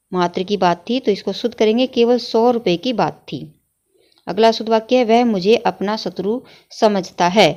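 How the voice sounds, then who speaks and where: A woman teaching a Hindi grammar lesson, talking to her students as children and repeating each sentence slowly before she corrects it. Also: medium pitch, darkish tone, highs cut off.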